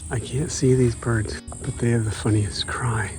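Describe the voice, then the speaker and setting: A man's voice: mid-range voice, steady tone, a little slow, low-quality recording. A man casually narrating his solo bike ride through swampy forest trails, talking to the camera as he goes. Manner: chatty, self-narrating, breathless from effort at times. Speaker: bikepacking vlogger. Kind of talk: casual narration while riding. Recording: music playing underneath. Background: music.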